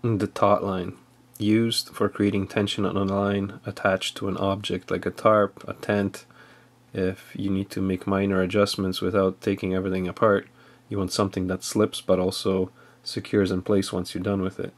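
A man's voice: low-pitched, flat delivery, normal speed. A man giving a casual how-to demonstration as an outdoor skills instructor, explaining plainly step by step with some fillers.

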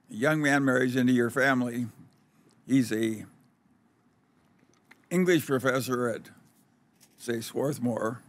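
Older man, blunt and dry-witted, medium pitch, plain unscripted meeting remarks. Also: fairly bright tone. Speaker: company vice chairman. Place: large meeting stage at a table.

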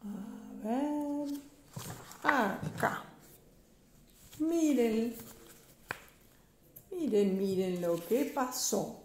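An older woman with a Rioplatense accent reading a children's picture book aloud, slow, sing-song and expressive. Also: a little high, reverberant, slight background noise. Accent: Rioplatense Spanish. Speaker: storyteller grandmother.

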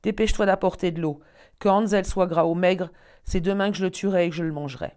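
A woman's voice: lowish voice, moderate pace, a little mellow, natural voice. A woman voicing a wicked old witch who eats children, who coaxes sweetly and then barks orders. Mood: commanding. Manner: wheedling, then barking orders.

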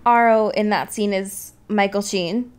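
On this film discussion podcast, the co-host speaks a little slowly in a clear, resonant voice of medium pitch and steady tone. She explains things casually and informally, with some cursing mixed in.

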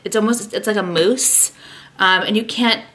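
With a steady tone and moderate pace, a woman in her thirties talks casually to the camera at arm's length from her bedroom, showing a skincare product while rambling and making fun of herself. Her mid-range voice is fairly bright.

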